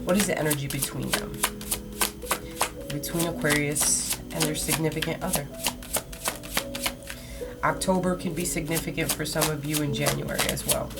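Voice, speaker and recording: A woman with a low voice gives a mystical horoscope tarot reading, addressing her listeners directly in a casual, conversational way. She speaks at normal speed with fairly even intonation and frequent pauses, over loud background music and the sound of shuffling cards.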